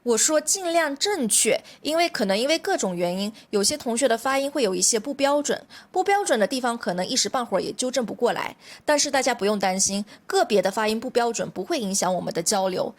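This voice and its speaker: A woman's voice: on the high side, lively intonation, fast, few pauses. A woman language teacher with a Mandarin Chinese accent, patiently explaining a lesson in careful steps.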